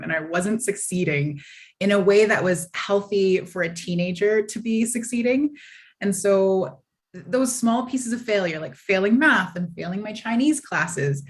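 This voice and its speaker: A woman from Hong Kong with a lowish voice talks on a video-call panel. She speaks candidly and with animation, with a light, open manner. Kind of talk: panel discussion.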